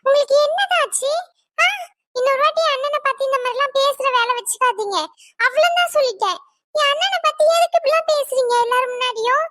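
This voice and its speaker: A woman's voice: extremely high pitch, brisk, fairly bright tone, no room sound. A woman voicing an indignant young sister defending her brother in a cartoon drama. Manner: indignant, pleading.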